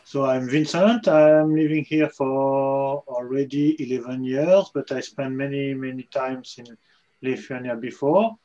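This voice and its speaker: A man's voice: medium pitch, fairly even intonation, measured pace, mellow, lo-fi sound. A man in his forties casually introducing himself to a group. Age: 40s. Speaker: participant, cafe owner.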